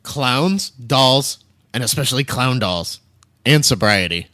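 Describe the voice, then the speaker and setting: A man's voice: medium pitch, lively intonation, takes it slowly, bright, forceful tone. A man co-hosting a podcast in casual chat, joking and profane, rambling through stories. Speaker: podcast co-host.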